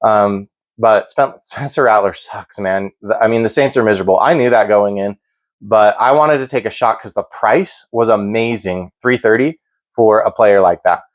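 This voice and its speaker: A man's voice: on the low side, moderate pace. Casual man talking sports bets. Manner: informal, opinionated, conversational. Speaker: sports betting host. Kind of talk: casual sports betting commentary.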